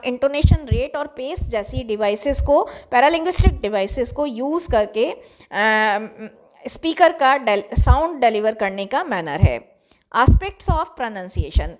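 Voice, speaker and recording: High-pitched female lecturer, patient and repetitive, explains terms step by step. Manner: repeats and rephrases definitions, reads English lines slowly. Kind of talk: classroom lecture mixing Hindi and English.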